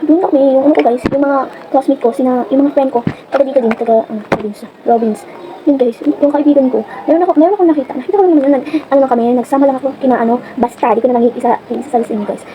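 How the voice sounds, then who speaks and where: Fast-talking high-voiced Filipino woman. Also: phone-quality sound, background noise. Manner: chatty, rambling, many fillers. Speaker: vlogger. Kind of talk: casual get-ready-with-me chat.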